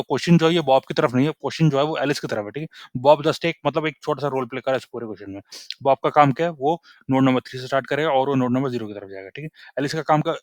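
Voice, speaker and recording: Young man, brisk casual coding tutor, dry close sound, keeps checking that viewers follow. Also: medium pitch, no room sound. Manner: chatty, repeats "ठीक है?" after nearly every point.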